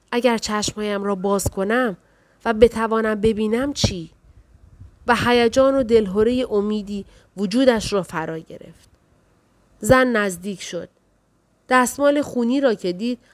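A woman reading a novel aloud as an audiobook narrator, in a steady, even storytelling manner. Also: on the high side.

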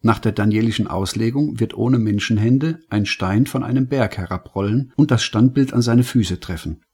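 A man's voice: on the low side, normal speed, a little mellow, breathy edge. A man voicing an earnest young man musing. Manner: thoughtful, musing inner monologue.

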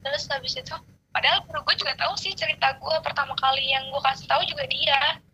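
A woman's voice: sits high, steady tone, quick pace, bright, forceful tone, slight background noise, poor audio. A young woman telling a story in casual, slangy chat and swearing now and then.

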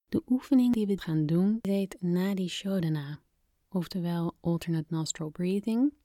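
Soft, mellow woman guiding relaxation. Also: lowish voice, no echo, studio quality. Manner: gentle, calm, instructional, with breathy near-whispered phrase endings. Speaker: podcast host and breathing exercise guide. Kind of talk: soft, soothing guided relaxation narration.

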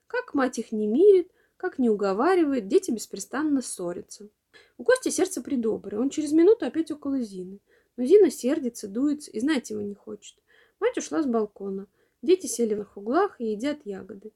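A woman narrating a children's storybook in an expressive reading voice. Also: fairly high pitch, fairly quick, breathy edge.

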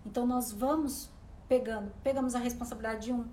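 A woman's voice: a little high, fairly even intonation, fast talker, dark tone, a little hiss or hum. A woman with a Brazilian accent leading motivational guided relaxation and talk on a live stream, encouraging and repeating phrases for emphasis. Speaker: host and guided meditation leader.

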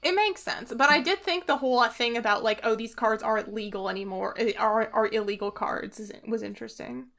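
A woman co-hosting a podcast, chatting casually and musing out loud with frequent asides. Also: on the high side, fairly quick, gravelly, few pauses. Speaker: podcast co-host.

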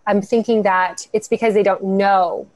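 A woman's voice: mid-range voice, steady tone, moderate pace, darkish tone, dry recording. Upbeat woman guest on a dry mic. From United States, Cuban family. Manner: earnest, upbeat, talks in long flowing answers. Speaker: guest, founder of a women's network. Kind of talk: podcast interview.

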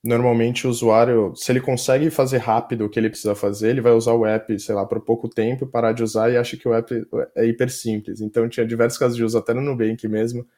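A man with a Brazilian Portuguese accent, a software developer chatting casually as a podcast guest. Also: mid-range voice, level tone, fast, few pauses. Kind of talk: casual conversational interview answers.

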